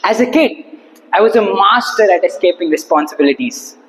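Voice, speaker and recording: At a Toastmasters club, a young man gives a humorous prepared speech to a seated audience in an indoor hall. His high-pitched, animated voice carries a theatrical, rhetorical style with deliberate pauses, and the hall makes the recording reverberant.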